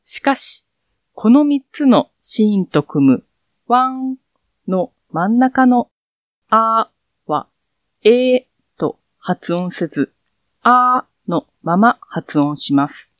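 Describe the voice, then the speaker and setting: A woman teacher narrating a scripted pronunciation lesson in an explanatory, clearly paced way. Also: fairly high pitch, lively intonation, drawn-out words, no room sound, studio quality. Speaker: language teacher.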